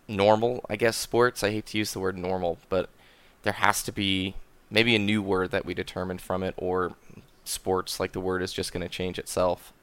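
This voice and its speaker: Young male co-host, smooth and a bit low, easygoing, thinks aloud. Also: level tone, moderate pace, a bit bright, no echo. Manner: thoughtful, uses "like" and "man" often. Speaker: podcast co-host, gaming YouTuber. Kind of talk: casual group chat.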